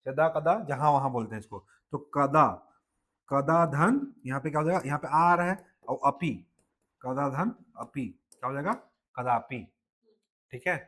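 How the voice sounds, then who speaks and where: Brief: man with a Chhattisgarhi-tinged Hindi accent, classroom teacher, a touch high-pitched, keeps asking the class to confirm and spells words syllable by syllable. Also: fairly bright tone. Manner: drills students with frequent "ठीक है" checks; spells words slowly sound by sound. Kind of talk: live classroom lesson.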